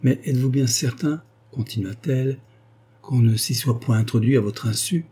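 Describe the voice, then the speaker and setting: A man's voice: mid-range voice, moderate pace, mellow, breathy edge, close to an everyday voice. A man reading aloud, voicing a distraught middle-aged noble duchess in a storybook. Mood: anxious. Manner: distraught, pleading.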